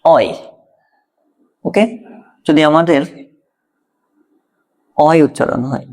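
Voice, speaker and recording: A man's voice: on the high side, unhurried, darkish tone. A man with a Bangladeshi Bengali accent teaching an exam-prep grammar lesson, explaining step by step and often checking if the learner follows.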